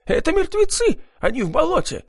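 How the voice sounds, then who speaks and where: A man's voice: on the high side, huge pitch swings, moderate pace, dry recording, clean studio sound, pitched above the performer's own voice, full character voice. A man voicing a frightened older male professor who squeals in panic, in an audiobook. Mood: panicked.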